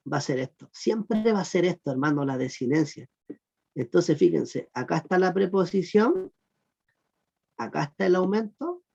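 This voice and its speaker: Creaky, husky-voiced grammar teacher. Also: medium pitch, a little mellow. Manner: patient, repeats "miren" and "fíjense" often; asks the class check questions. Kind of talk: online class lecture. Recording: muffled lo-fi recording.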